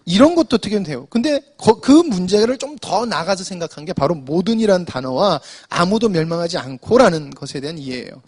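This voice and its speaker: Husky, animated Korean preacher. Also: male voice, sits high, a little fast, hardly any pauses. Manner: explanatory, addresses congregation with frequent "자". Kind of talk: sermon.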